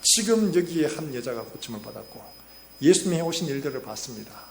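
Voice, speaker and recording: A pastor preaches in a reverberant church hall, and a faint hum sits under the sound. His voice is slightly high for a man, with a gravelly edge. He tells stories and acts out the quotes. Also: big pitch swings, brisk. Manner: storytelling with acted-out quotes, rising and falling loudness. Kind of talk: sermon. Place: church sanctuary.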